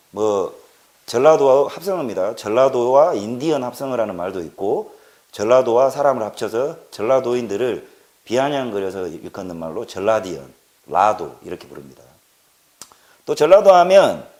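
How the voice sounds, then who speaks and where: Speaking in a mid-range, slightly mellow voice, a Jeolla-born male political commentator launches into a fervent monologue. Repetition of words and rhetorical questions serve to underline his arguments.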